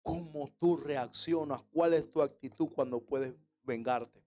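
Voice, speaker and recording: A man's voice: fairly high pitch, measured pace, darkish tone. A middle-aged man, preaching a sermon with humor and rhetorical questions. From Panama. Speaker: pastor.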